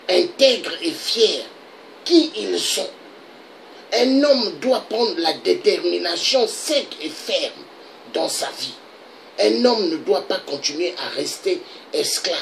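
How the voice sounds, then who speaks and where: Slow, declamatory man. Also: sits high, big pitch swings, gravelly, fairly bright tone, slight background noise, poor audio. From Republic of the Congo. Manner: declamatory, with repeated rhetorical questions. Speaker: political video blogger. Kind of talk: impassioned political monologue.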